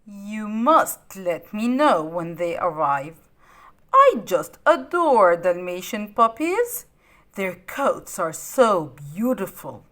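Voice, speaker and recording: A woman's voice: mid-range voice, big pitch swings, slow, fairly bright tone. A woman voicing a greedy, imperious storybook villainess in a demanding, theatrical manner. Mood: greedy, excited.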